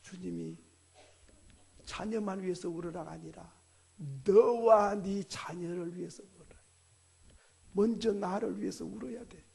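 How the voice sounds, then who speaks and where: Male pastor, animated sermon delivery, husky tone. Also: high-pitched, a little slow, pauses often. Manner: animated preaching with acted dialogue.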